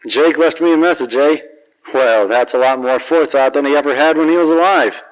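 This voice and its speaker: Playing Scrooge, a hard-drinking, grumpy and cynical private detective, a man narrates a hardboiled 1940s radio story with wry, slangy, world-weary wisecracks. His natural voice is fairly high and fairly quick, and the recording is rough.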